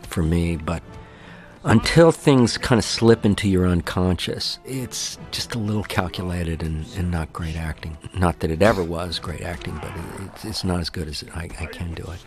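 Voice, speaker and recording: A man's voice: sits low, moderate pace, faint music behind. A man actor giving film commentary, reflecting thoughtfully on his craft, self-deprecating.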